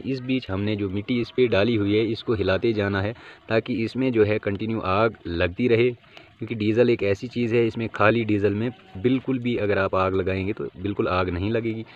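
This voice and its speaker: A beekeeping channel host with a Jammu and Kashmir Hindi accent demonstrates a how-to outdoors on bare ground, explaining each step to his friends in a lowish voice. He holds a phone camera, so the audio is dull and lo-fi with faint outdoor noise.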